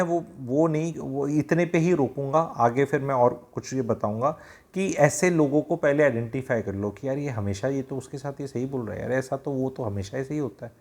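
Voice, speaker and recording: Male self-help speaker, direct and plain-spoken, talking to camera like to friends. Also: mid-range voice. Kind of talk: advice talk to viewers.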